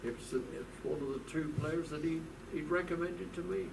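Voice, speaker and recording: A man's voice: on the high side, normal speed, vocal fry. Chatty man in his nineties telling stories. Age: 90s. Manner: chatty, acts out quoted people in lively voices. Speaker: former football club secretary, guest speaker. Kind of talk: anecdotal storytelling to an audience. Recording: distant mic with faint background noise.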